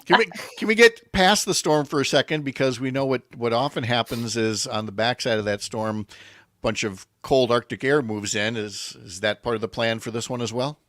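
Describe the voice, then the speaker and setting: A man hosts a radio show in a very dry, close sound. He banters in an animated way with quick bursts of excitement, then reads sports scores in a brisk roundup. His voice sits in a middle range. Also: mid-range voice, no room sound. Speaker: radio talk show host. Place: home by a lake window.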